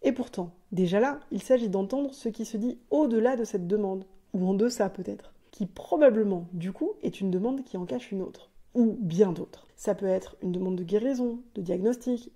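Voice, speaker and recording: A woman's voice: mid-range voice, normal speed, few pauses, warm tone. A woman hosting a podcast, delivering a scripted, explanatory solo monologue with light asides. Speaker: podcast host.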